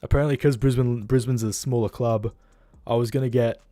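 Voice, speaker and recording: A man's voice: medium pitch, fairly even intonation, a little fast, warm tone, no echo. A young Australian man hosting a casual livestream, tired and rambling, talking bluntly and swearing freely from home. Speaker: livestream host.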